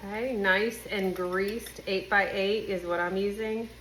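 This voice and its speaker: A woman's voice: medium pitch, fairly even intonation, slow, fairly bright tone, rough recording. A woman with a nasal, congested voice, chatting casually and folksily to viewers in a bubbly cooking vlog. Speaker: home and cooking vlogger. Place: home kitchen. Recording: kitchen noise, sizzling pan. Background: frying, sizzling, stirring.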